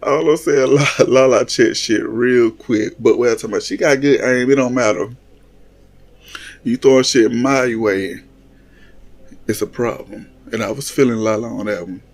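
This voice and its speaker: A man's voice: mid-range voice, normal speed. A man casually recapping a reality show reunion, laughing often, swearing freely and acting out what the cast members said. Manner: animated, laughing, profane, mimics cast members.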